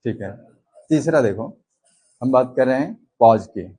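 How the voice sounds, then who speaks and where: Slow, mellow-voiced male teacher. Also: expressive, breathy edge, poor audio. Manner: slow, unhurried explaining with demonstrative pitch changes. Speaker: commerce teacher. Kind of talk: classroom lecture.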